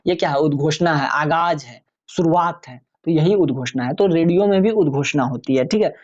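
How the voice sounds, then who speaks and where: A man explaining exam topics in a relaxed, conversational lecture, addressing viewers as friends. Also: on the high side, moderate pace, lo-fi sound. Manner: chatty, many fillers and restarts. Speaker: exam tutor.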